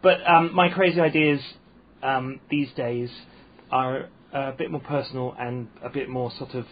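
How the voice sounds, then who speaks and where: Man, posh English accent, husky, hesitant, rambling podcast chat, dull lo-fi sound. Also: mid-range voice, fairly even intonation, measured pace. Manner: rambling, hesitant, self-deprecating. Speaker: comedian guest. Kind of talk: casual podcast interview. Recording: muffled lo-fi sound.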